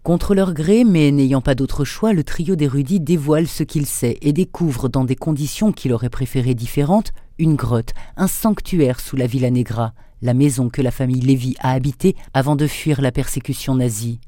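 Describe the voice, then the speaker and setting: A man presenting and reading a thriller excerpt aloud in a measured, steady narration. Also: mid-range voice, dry recording, studio quality. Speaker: radio book reader and presenter.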